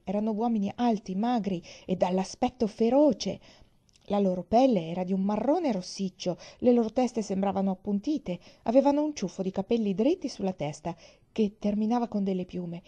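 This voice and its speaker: A woman reading a children's novel aloud, in a gentle, measured storytelling voice. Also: medium pitch, lo-fi sound. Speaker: audiobook reader.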